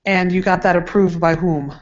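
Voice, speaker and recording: A woman's voice: fairly low pitch, steady tone, normal speed. A woman teacher questioning a student in front of a group, teasing yet encouraging, with frequent fillers. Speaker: camp teacher. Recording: dull lo-fi recording.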